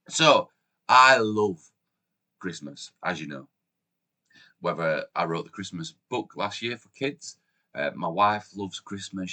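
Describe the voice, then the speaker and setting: Chesty with a cold, a forties-aged YouTube host from Yorkshire, England runs a casual countdown vlog in an upbeat, chatty style. His pitch and loudness jump about lively, and he's filming in a home room with shelves behind the camera.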